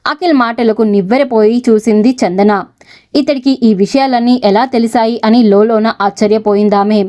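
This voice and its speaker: Female narrator for a serialized audio story; steady, expressive, fairly high voice. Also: normal speed.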